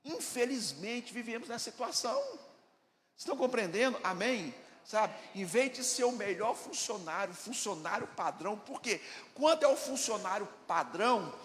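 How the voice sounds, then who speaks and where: A man's voice: high-pitched, fairly bright tone, a little hiss or hum. A Brazilian man, a pastor preaching a sermon, emphatic, asking the congregation questions and acting out dialogues. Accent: Brazilian Portuguese. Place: church hall. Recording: echoey church hall, faint ambience.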